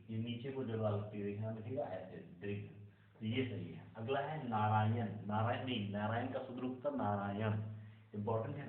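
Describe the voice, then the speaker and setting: A man with a lowish voice teaches a spelling lesson, going over right and wrong forms and often reminding students to take note. He sounds distant and thin, as if on a phone line. Strong echo hangs around every word. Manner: repeats "keep in mind", drills right and wrong forms.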